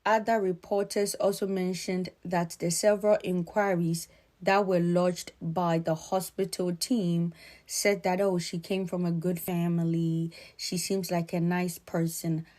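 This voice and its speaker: A woman from Ghana with a Ghanaian accent, giving earnest, emphatic spoken commentary in a measured way. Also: lowish voice, little pitch movement, darkish tone.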